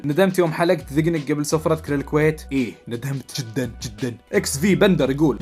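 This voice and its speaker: A man in his twenties with a Saudi Arabic accent, a YouTuber casually answering viewer questions, reading each one out a bit louder before replying offhand. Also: medium pitch. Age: 20s. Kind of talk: casual Q&A vlog.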